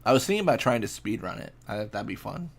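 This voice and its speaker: A man's voice: lowish voice, very animated, fast, gravelly. A young man casually chatting and reacting while streaming a fishing game, laid-back and rambling as he answers chat.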